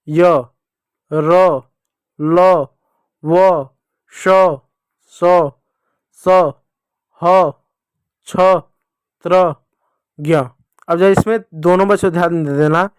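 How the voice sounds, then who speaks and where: Slow, patient man teaching children letters. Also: high voice, clean tone, dry recording, studio quality. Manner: slow, patient, repeats sounds for young pupils. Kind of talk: children's Hindi alphabet lesson.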